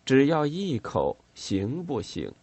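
A man reading an audiobook voices a hoarse, cringing river guide who sobs, stammers and begs for a drink. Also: medium pitch, huge pitch swings, takes it slowly, a little mellow, dry recording, voice pushed up, full character voice. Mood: begging. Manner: sobbing, pleading and stammering.

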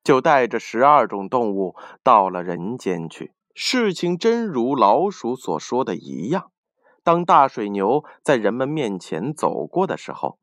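Male storyteller, slow and very animated, dry close recording. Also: medium pitch, dry recording. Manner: expressive, lively reading. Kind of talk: storybook narration.

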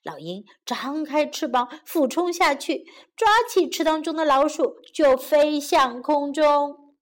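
Slow expressive woman storyteller. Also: high voice. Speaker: children's storyteller and English teacher. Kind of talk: bilingual children's story narration.

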